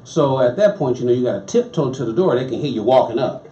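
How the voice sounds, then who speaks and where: Married man guest, spins animated anecdotes, mellow tone, mic set back in a roomy space with faint ambience. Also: mid-range voice, fast, recorded from a distance, lo-fi sound. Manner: animated storyteller acting out dialogue. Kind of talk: telling stories in conversation.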